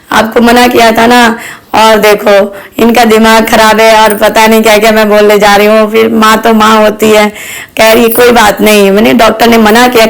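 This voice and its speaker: A woman's voice: mid-range voice, vocal fry, poor audio. A woman in her thirties from Bihar, narrating her family vlog in a chatty way and speaking straight to her viewers. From Bihar, India. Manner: chatty, addressing viewers directly. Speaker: family vlogger.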